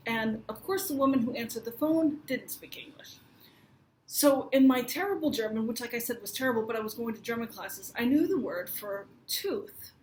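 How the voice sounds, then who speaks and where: A woman's voice: fairly high pitch, a little hiss or hum. An American woman in her forties casually telling a funny personal story to camera, chatty and laughing as she goes. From United States. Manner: chatty, laughs while telling, acts out dialogue.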